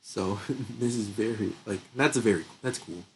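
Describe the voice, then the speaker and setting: Speaking at a normal pace in a lowish voice, a young gaming channel host comments casually on his gameplay, laughing frequently and thinking out loud. He has a stuffy nose and seems to be coming down with something. The audio is poor, with a bit of background noise.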